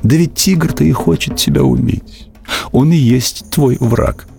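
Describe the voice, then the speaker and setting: A man's voice: mid-range voice, a little slow, gravelly, a little mellow, faint music behind, pitched above the performer's own voice. A man voicing a sly, scheming female fox who whines and pleads in a storybook tale. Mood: whining, sly. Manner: whining, plaintive pleading.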